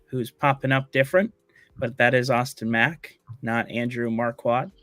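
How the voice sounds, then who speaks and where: A man's voice: mid-range voice, moderate pace, no echo, soft background music. A man hosting a live online show, talking casually with fillers and jokes. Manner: relaxed, joking, many fillers. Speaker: host. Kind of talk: casual live-stream chat.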